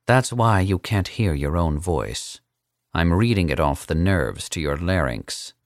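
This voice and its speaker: A man voicing a suave, cold and amused older captor in a slow, condescending manner. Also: sits low, expressive, dry recording, studio quality. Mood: calm, menacing. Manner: smooth, unhurried and condescending.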